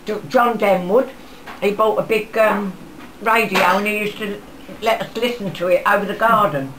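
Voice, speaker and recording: A ninety-eight-year-old woman chattily recalls her wartime life in an interview, rambling through stories and acting out bits of dialogue. Her voice is medium-pitched at a moderate pace, with busy background chatter all around.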